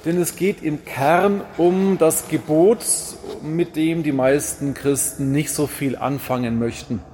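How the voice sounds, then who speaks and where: A man delivering a sermon in a fairly high, animated voice. He drives his points home with repeated refrains and dry, wry asides, over a faint background hum. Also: a little slow. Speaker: preacher.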